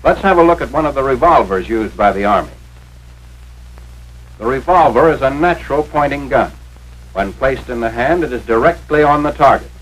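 Heard on a noisy, radio-like 1940s film soundtrack, a medium-pitched American man with lively intonation narrates at normal speed. His scripted instructional delivery is authoritative and carefully enunciated, proceeding step by step.

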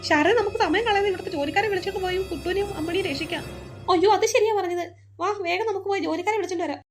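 A woman voicing an anxious, fussing mother in a cartoon, shrill and scolding. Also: racing, music in the background. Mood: frantic. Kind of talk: cartoon voice acting.

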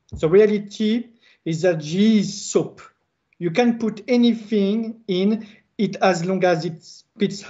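A man with a French accent speaks earnest, halting English on a video call. His voice sits a little high, and the sound is dull and lo-fi. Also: a little mellow. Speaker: works council secretary. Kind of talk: online panel presentation.

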